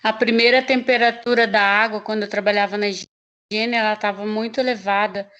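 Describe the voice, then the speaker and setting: A woman student recounting a workplace accident in an online class, rambling and animated with many restarts, heard over a video call. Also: mid-range voice, brisk, lo-fi sound. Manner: animated, rambling storyteller with frequent laughs and restarts. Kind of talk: telling a story in an online class.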